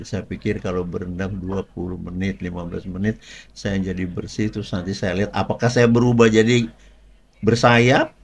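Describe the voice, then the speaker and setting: A man with a somewhat low voice tells a personal faith testimony. He speaks conversationally and keeps turning to his listeners with small asides. Light jokes run through his story. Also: creaky, slightly rough.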